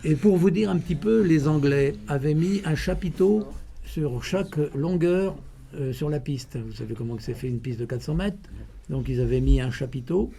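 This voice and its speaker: A man giving informal interview answers, telling stories in a halting way with repeated words. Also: fairly high pitch, lively intonation, gravelly, mellow. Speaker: president of a running club, interviewee.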